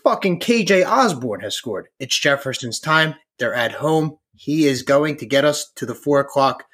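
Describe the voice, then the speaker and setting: A man's voice: mid-range voice, animated, normal speed, a bit bright. A man co-hosting a betting show, giving sports picks in hyped, sweary frat-bro talk.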